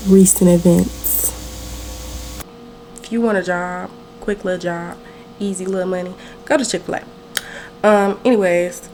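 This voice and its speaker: Slow-talking nineteen-year-old woman chatting. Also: mid-range voice, vocal fry, darkish tone, slight background noise, rough recording. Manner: chatty, rambling, self-correcting. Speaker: podcast host. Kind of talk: casual storytelling.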